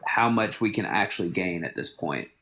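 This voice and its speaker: A man's voice: sits low, animated, normal speed, crowd noise, low-quality recording. A man casually explaining his reasoning as a player in a social deduction game.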